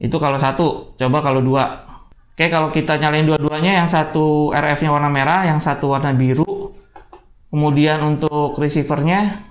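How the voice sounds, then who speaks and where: A man giving a casual product review, chatty and addressing viewers often. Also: on the high side. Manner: chatty, says "guys" a lot. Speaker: tech reviewer.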